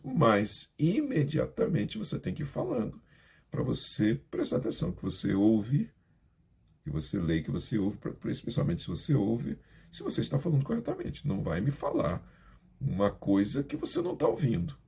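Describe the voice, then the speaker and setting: A deep-voiced man with a husky edge reads scripture aloud as a language teacher. He works through it slowly, stopping to repeat words and lean hard on each sound. His first language is Portuguese. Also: wildly swooping pitch, darkish tone. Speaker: Spanish teacher. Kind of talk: reading scripture aloud and explaining pronunciation.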